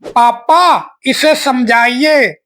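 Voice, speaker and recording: A man's voice: extremely high pitch, very slow, background noise, full character voice. A man voicing a mischievous young boy in a cartoon, whiny and mocking. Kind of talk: cartoon voice acting.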